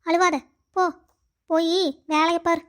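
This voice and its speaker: A very high, piercing voice belongs to a nagging old mother-in-law in a cartoon story, acted by a woman. She keeps scolding her daughter-in-law and accusing her of things. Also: flat delivery, measured pace, fairly bright tone. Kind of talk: cartoon voice acting.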